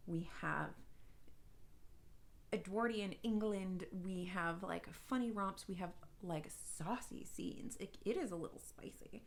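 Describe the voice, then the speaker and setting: A woman hosts a video as a book reviewer, chatting casually with viewers in an unhurried, gravelly voice of medium pitch. She's informal, gushing and emphatic, with a touch of self-deprecation.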